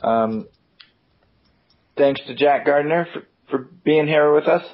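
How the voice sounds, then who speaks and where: A man's voice: on the high side, slow pace, muffled recording. A man hosting a casual podcast chat, thanking guests and signing off in an upbeat, jokey way. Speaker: podcast host.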